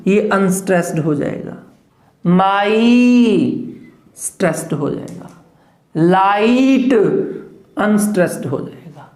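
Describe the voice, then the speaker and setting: Woman tutor, measured slow lecture delivery, explanatory, checks "clear?" often; echoey room sound. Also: medium pitch, a little mellow. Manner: explanatory, asks "clear?" often, counts syllables aloud. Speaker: English teacher. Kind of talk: exam-prep lecture in Hindi with English terms.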